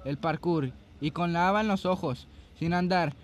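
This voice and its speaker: Young male co-player, high-pitched, cocky and teasing in casual banter. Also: moderate pace. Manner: teasing, trash-talking.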